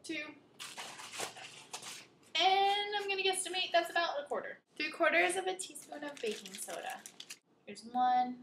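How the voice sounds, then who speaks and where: A woman's voice: very high voice, lively intonation, moderate pace, long pauses, a bit bright. A woman chatting casually as she hosts a home baking video, rambling in a giggly, tipsy drunk way in a kitchen. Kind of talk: casual chat while cooking. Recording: echoey room with clear background noise.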